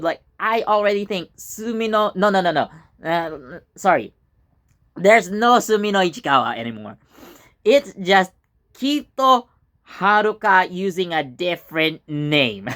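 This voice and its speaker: A man's voice: high-pitched, fairly bright tone. A man talks through a TV episode on his own channel, loose and conversational. He rambles and circles back, with plenty of fillers along the way. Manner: chatty and rambling, with many fillers and self-corrections. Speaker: YouTube channel host reviewing a TV episode. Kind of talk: casual video review.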